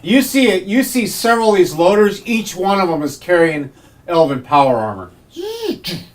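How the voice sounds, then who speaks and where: A man's voice: high voice, very animated, moderate pace, recorded from a distance. A man running a tabletop game as game master, narrating in a rambling way full of fillers, recorded in a garage. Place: home garage.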